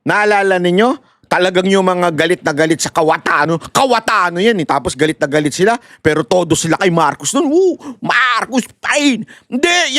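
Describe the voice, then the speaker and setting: A man's voice: extremely high pitch, dry recording, clean studio sound. A man giving mocking political commentary to viewers, switching between languages and laughing often. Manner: animated and mocking, mixing Tagalog and English, laughing often. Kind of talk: live commentary addressing viewers.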